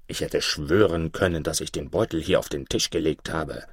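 A man voicing a greedy, hard-hearted old male moneylender, gruff and grumbling. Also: low-pitched, lively intonation, normal speed, no echo, studio quality, voice pushed down. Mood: puzzled.

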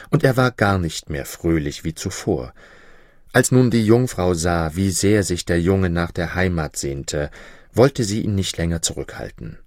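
A man reads a fairy tale aloud in a low voice, with very lively intonation. His delivery is expressive and full of shifts in tone. The recording is dry and close. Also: no echo. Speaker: storyteller.

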